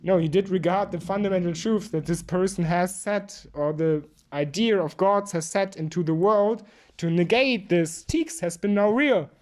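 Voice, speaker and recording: A woman's voice: lowish voice, moderate pace, a little mellow. A woman giving a drunk, rambling philosophical monologue, emphatic and repeating herself.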